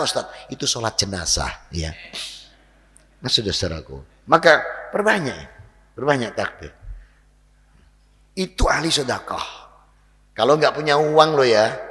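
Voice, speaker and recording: A man preaching a lively, joking sermon in a mosque, often addressing his listeners directly. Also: a little high, normal speed, long pauses. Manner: lively, jokey, animated, addresses audience as Pak. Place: mosque hall. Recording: long hall reverb.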